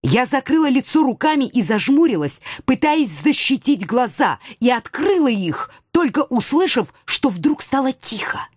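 A woman narrates a first-person story with playful expression. Her pitch moves around a lot as she reads. The recording is dry and close, with no room sound. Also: very animated, moderate pace, few pauses, a little mellow, slightly rough, no echo. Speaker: audiobook narrator.

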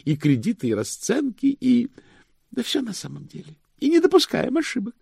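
A man's voice: very high-pitched, wildly swooping pitch, normal speed, gravelly, a little mellow, slightly rough, no echo, clean studio sound, voice pushed up, exaggerated voice. A man reading an audiobook, voicing a proud and exacting older male head cashier who lectures in a lofty, pompous way. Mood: lecturing. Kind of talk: audiobook character voice.

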